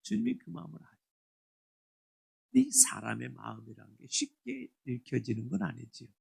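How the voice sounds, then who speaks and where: A man in his sixties, a pastor preaching a sermon, moving from quiet asides to loud, emphatic exhortation. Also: medium pitch, sing-song, moderate pace, gravelly, breathy edge. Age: 60s.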